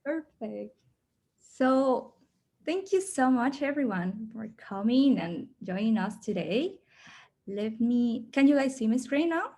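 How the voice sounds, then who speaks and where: A woman from Mexico with a strong Mexican accent hosts an onboarding video call as the program host, keeping it upbeat, chatty and full of fillers. Her voice sits on the high side, expressive and warm, at a slow pace.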